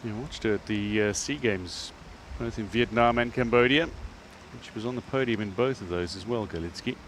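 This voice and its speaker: A man's voice: on the low side, moderate pace. Man commentating on golf, outdoor noise behind.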